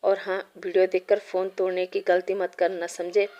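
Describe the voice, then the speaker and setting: A woman voicing a vengeful male villain in a storybook reading, in a flat, threatening tone. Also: lowish voice, moderate pace, natural voice. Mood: menacing. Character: menacing male villain seeking revenge.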